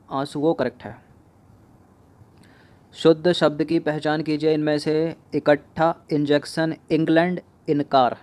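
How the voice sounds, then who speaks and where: A male exam coach speaking, his voice sitting a little on the high side. He works through spelling questions one by one, saying each word over and over and asking the class which form is right. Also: a little mellow. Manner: repeats each word several times, asks students questions. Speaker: exam prep teacher. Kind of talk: spelling lesson explaining answers.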